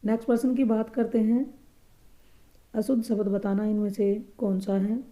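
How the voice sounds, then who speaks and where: A woman teaching a grammar lesson for exam preparation, patiently explaining answers and repeating each correct word slowly and softly. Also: medium pitch, fairly even intonation.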